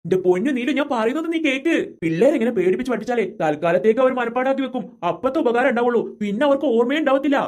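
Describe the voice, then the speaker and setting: A performer voicing an easygoing, gentle father in a cartoon, coaxing and mildly teasing his wife and children. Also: medium pitch, animated, very fast, few pauses, close to an everyday voice. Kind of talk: cartoon voice acting.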